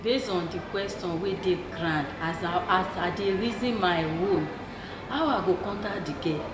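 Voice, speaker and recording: A woman's voice: lowish voice, unhurried. A woman with a Nigerian accent giving opinionated, conversational advice as a co-host, emphatic and repeating her points. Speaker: talk show co-host. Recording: echoey room with clear noise.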